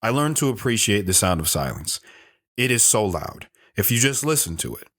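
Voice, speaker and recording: In first-person audio drama narration, a man plays an earnest, lovestruck lone wanderer looking back on his life. His lowish voice is sing-song and fairly bright, at a normal pace. The mood is wistful, reflective and sentimental.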